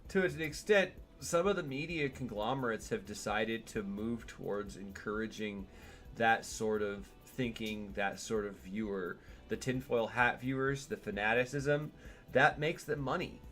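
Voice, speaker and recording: A man's voice: lowish voice, measured pace, fairly bright tone, soft background music. A man streaming a game from home, chatting in a digressive way and talking to his cat as he plays. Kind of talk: casual gameplay stream commentary.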